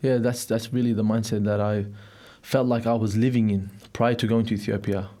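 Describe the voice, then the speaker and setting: Speaking fairly quickly in a dark, lowish voice with little pitch variation, a young man from Melbourne, Australia, responds to a studio interviewer. His answers are thoughtful and hesitant.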